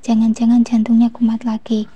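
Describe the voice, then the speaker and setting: Panicked grown daughter, read by a woman in a storybook; urgent, husky, slightly high. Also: completely flat delivery, a little fast, warm tone, dry recording, highs cut off.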